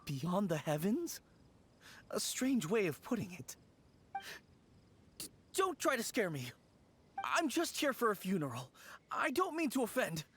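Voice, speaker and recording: Brief: a jumpy young male undertaker, pitch swinging widely, nervous and pleading. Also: huge pitch swings, a little slow, pauses often, a bit bright, a little hiss or hum, heavily acted. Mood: wary. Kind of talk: game cutscene voice acting.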